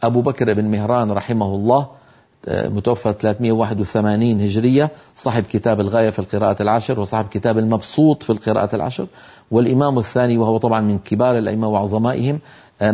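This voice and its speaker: A man gives a patient tajweed lesson, explaining how Quranic sounds are formed and slowly sounding out the example syllables. His voice is warm and mellow. The recording is a little dull and lo-fi. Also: lowish voice. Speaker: Quran recitation teacher.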